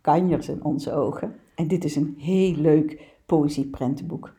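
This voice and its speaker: A woman co-hosts a relaxed podcast about picture books for young children. Her voice sits fairly low and sounds mellow and warm. She talks in an easy, conversational way. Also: a little slow. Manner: reads rhyming verse aloud expressively. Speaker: podcast co-host.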